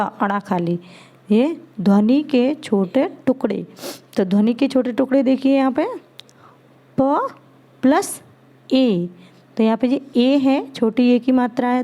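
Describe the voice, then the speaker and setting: A woman teacher slowly taking young children through letters and sounds, sounding each one out patiently. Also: sits high, mellow. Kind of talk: children's Hindi lesson. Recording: dull lo-fi recording.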